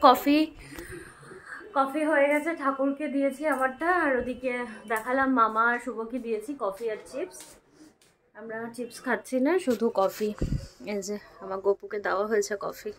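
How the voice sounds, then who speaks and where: Home-vlog woman, somewhat high voice, chatty kitchen narration, phone recording with light hiss. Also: fairly even intonation, moderate pace, a bit bright. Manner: chatty, talks to viewers while doing kitchen chores, coaxing baby talk to a child. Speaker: vlogger.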